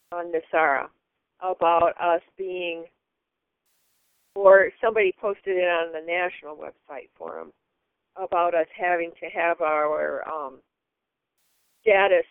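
A woman's voice: fairly low pitch, no room sound. A woman calling into a meeting, speaking hesitantly with fillers over a crackly phone line that fades in and out. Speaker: caller in a conference call meeting. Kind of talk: casual meeting talk. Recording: tinny dry phone line.

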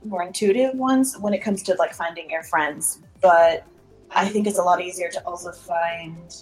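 Woman chatting on a low-quality mic. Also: moderate pace, soft background music. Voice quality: thin cheap-microphone sound. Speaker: podcast guest. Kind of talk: casual chat.

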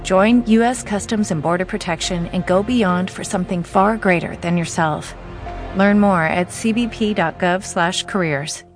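A woman reading a scripted recruitment advertisement in a polished, even delivery. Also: mid-range voice, moderate pace. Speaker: ad announcer. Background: music bed.

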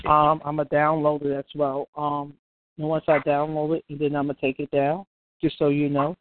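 A woman's voice: sits low, flat delivery, normal speed, dry recording. A woman talking casually and off the cuff as a caller on the phone. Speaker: caller streaming a phone call to listeners. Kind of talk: casual, unscripted phone talk. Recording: thin, phone-like dry sound.

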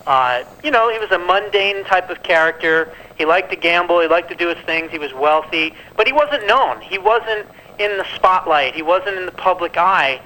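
A man's voice comes over a landline phone as he calls into a radio show, sounding bright and a little high. He rambles through his commentary, thinking aloud and filling gaps with "uh" and "you know.". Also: animated, moderate pace, a little hiss or hum, poor audio. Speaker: radio show guest calling in.

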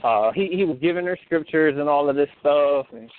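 A man leads a phone-in discussion with a slightly raised voice. He pauses often and restarts his sentences. The sound is narrow and tinny, like a phone call. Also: a little high, slight background noise. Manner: halting, many fillers and restarts. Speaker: host of a call-in fellowship discussion.

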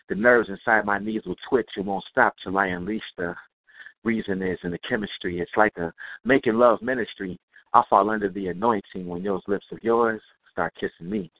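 A man's voice: lowish voice, gravelly. Man performing spoken-word poetry. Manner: rhythmic, rhyming delivery. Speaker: guest poet. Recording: dry, tinny phone-like sound.

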